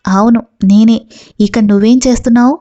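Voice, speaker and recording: Timid, fawning male servant voiced by a female narrator, pleading tone, mellow and a bit high. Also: fairly even intonation, normal speed, no echo, lo-fi sound, lightly acted.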